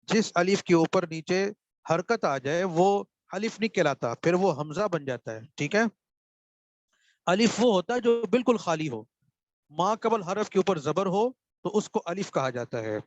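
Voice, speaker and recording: A man's voice: high-pitched, lively intonation, muffled recording. A man with a Pakistani Urdu accent teaching the rules of Quran recitation in an online class. He patiently repeats each answer and checks that the students follow. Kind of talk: online lesson, reading out questions and explaining.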